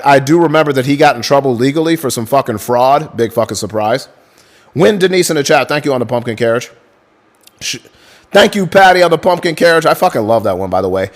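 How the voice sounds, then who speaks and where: A man hosting a livestream, reading book passages aloud and breaking off to thank chat viewers, swearing freely in a casual way. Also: medium pitch. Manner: profane, chatty, thanks viewers mid-reading. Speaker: livestream host.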